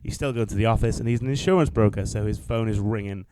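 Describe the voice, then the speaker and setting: A young man co-hosting a podcast, telling a story in lively casual chat, swearing freely and acting out what people said. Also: fairly low pitch, fast, no echo. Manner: animated storyteller, swears freely, acts out quotes. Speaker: podcast co-host.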